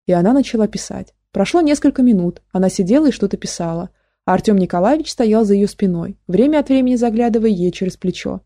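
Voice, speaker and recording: A woman narrating an audiobook in a steady storytelling manner. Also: medium pitch, fast, no echo, studio quality. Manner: steady storytelling, voices characters.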